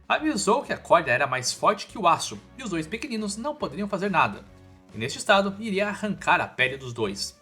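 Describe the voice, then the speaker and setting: Background music runs under this Brazilian-accented man as he gives an informal, chatty recap of a scripted story, dropping in offhand remarks. He speaks with a high-pitched, slightly bright voice.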